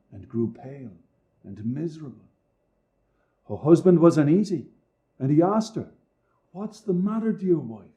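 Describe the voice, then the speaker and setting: A man performing a fairy tale aloud, varying his loudness and pace for drama. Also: medium pitch. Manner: expressive, swinging loudness and pace for effect. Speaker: storyteller.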